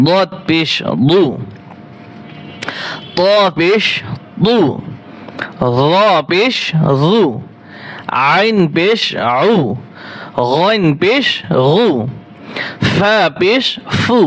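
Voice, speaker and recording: A man teaching Quran reading, chanting each Arabic letter with its vowel sign in steady, drilled repetition. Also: high-pitched, poor audio. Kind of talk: slow drilled recitation lesson.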